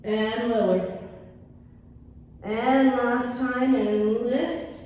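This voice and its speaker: A woman's voice: fairly high pitch, fairly even intonation, extremely slow, a little mellow, lo-fi sound. A woman teaching Pilates as an instructor, cueing and counting movements in short commands. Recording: echoey hall, distant mic, faint noise.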